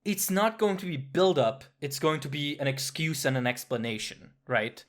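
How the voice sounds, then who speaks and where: A man hosting a podcast in casual chat, measured and thoughtful, often agreeing. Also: fairly high pitch, expressive. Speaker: podcast host.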